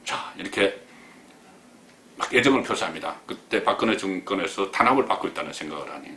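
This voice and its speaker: A man's voice: low-pitched, lively intonation, brisk, bright, forceful tone, reverberant, slight background noise. A man hosting a solo political commentary show, talking emphatically and acting out quoted remarks with a raised voice.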